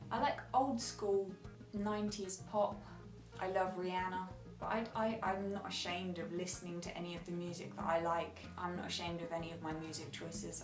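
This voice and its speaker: A woman's voice: fairly low pitch, distant mic. Chatty woman vlogging in an echoey room. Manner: chatty, rambling, self-correcting. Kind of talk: casual chat to camera.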